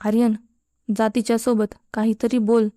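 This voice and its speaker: A woman's voice: fairly high pitch, flat delivery, normal speed, warm tone, no echo, studio quality, natural voice. A woman voicing a teasing, encouraging young male college student.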